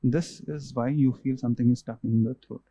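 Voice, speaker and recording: A man's voice: mid-range voice, fairly even intonation, fairly quick, dark tone, no echo, poor audio. A man, an ENT doctor, patiently explaining causes and tests to a patient, often restarting and repeating himself.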